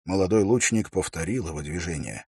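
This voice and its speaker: A man narrating a fantasy audiobook in a measured, even storytelling manner, close to the mic. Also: low voice, husky, dry recording.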